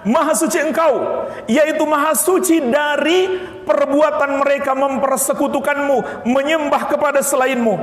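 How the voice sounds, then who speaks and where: High-voiced preacher in an echoing mosque. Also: male voice. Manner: impassioned, rising to emphatic calls. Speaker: Friday preacher. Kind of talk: sermon. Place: mosque pulpit, indoors. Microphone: stand mics at the pulpit. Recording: echoey mosque hall with long reverb.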